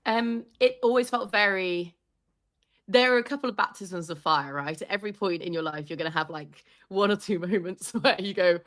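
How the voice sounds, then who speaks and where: A woman sports reporter chatting as an interview guest, telling animated stories and laughing often. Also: mid-range voice, normal speed. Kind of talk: casual interview chat.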